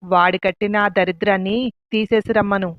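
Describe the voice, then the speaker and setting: A woman's voice: medium pitch, little pitch movement, moderate pace, background noise, close to an everyday voice. A woman doing a stern, angry father. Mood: bitter. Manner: harsh, commanding. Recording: dull lo-fi, dry.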